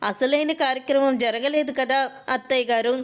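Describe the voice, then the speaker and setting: A woman's voice: high voice, fairly even intonation, moderate pace, clean tone, close to an everyday voice. A woman reading as a brazen young wife. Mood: defiant. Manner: taunting, unashamed.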